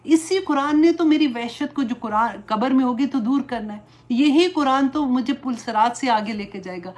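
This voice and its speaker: A woman's voice: sits high, a little mellow. A middle-aged woman religious teacher giving an earnest, pleading lecture, mixing English words into her talk. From Pakistan.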